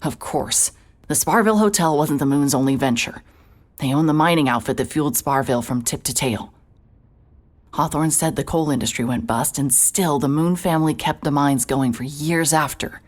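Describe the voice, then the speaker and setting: In this clip, a young woman serves as both narrator and lead character of a horror audio drama told in first person. Her voice is low and her speed normal, yet she sounds tense and breathless, sinking to whispers and then erupting into sudden shouts.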